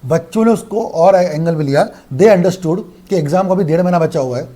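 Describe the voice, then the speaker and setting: A young man teaching law in a fast, animated online lecture that mixes in English. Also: a little high. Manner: fast-talking, animated, repetitive.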